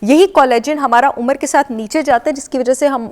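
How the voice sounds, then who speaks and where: A woman with a Pakistani accent speaks in a high, brisk voice as a nutrition expert guest on a TV morning show. She lectures with emphatic repetition and slips English phrases into her explanatory talk-show chat in the television studio.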